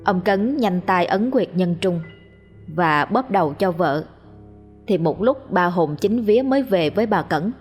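Woman storyteller, lowish voice, steady suspenseful ghost-story reading, faint music under it. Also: measured pace. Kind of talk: scripted narration of a ghost story.

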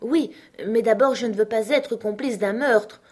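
A woman's voice: on the high side, unhurried, breathy edge, voice pushed up. A woman reading aloud, voicing a proud young daughter who speaks firmly and earnestly.

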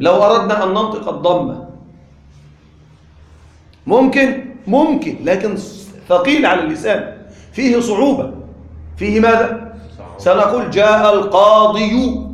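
A man teaching grammar in a classroom lesson, repeating his points and quizzing listeners with questions. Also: high voice. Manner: stretches words slowly when demonstrating pronunciation. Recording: echoey room.

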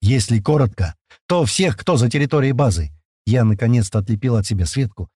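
A man's voice: medium pitch, lively intonation, fairly quick, dark tone, husky, no room sound, studio quality. A man narrating an audiobook in the first person, in a casual manner with coarse slang.

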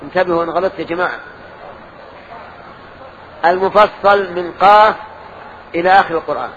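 A man's voice: high-pitched, brisk, a bit bright. Older man teaching in a lo-fi mosque recording. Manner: quizzing students, correcting them, explaining. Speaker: religious teacher. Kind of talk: mosque lesson with questions to students. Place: mosque lesson circle. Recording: dull lo-fi lesson recording with faint noise.

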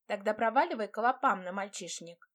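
A woman voicing a quick-tempered young bride who answers with sharp, indignant retorts. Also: mid-range voice, expressive, close to an everyday voice. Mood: angry.

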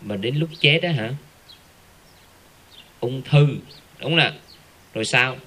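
A man giving a casual Buddhist Dharma talk, animated and full of rhetorical questions. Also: mid-range voice, slow. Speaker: Buddhist lay Dharma speaker.

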